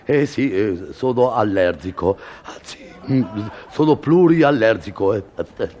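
A man's voice: fairly low pitch, animated, unhurried, warm tone. A man performing a stammering comic monologue, with sneezing fits and mock-noble airs. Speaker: comedian.

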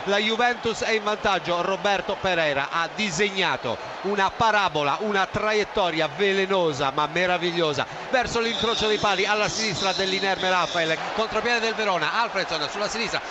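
A man giving live football commentary in an excitable, dramatic manner with florid phrasing. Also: sits high, moderate pace. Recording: loud stadium crowd and noise. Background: cheering stadium crowd.

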